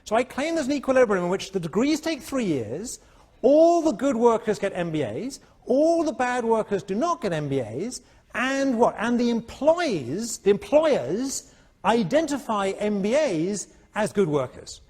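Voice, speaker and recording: A male economics professor giving a university lecture, animated and constantly checking in with his students. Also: very high voice, unhurried. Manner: animated, keeps checking in with "all right?". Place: lecture hall.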